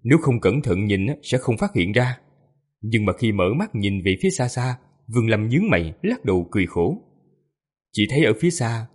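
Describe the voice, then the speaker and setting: A man narrating a fantasy audiobook with an expressive, lively delivery. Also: medium pitch, breathy edge. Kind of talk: storytelling narration.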